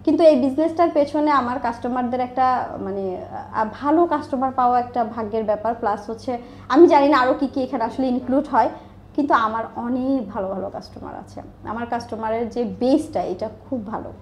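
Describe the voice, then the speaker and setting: Speaking candidly and with emphasis, a Bangladeshi-accented woman who runs an online business answers questions in a conversational interview, dropping in English words along the way. Her voice is on the high side and brisk, with slight background noise behind it.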